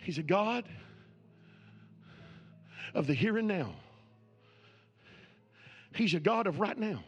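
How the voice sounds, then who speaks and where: High bright preacher guy, church sermon, quiet music under him. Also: animated, slow, pauses often, breathy edge, muffled recording. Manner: preaching with rising repeated questions. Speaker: pastor.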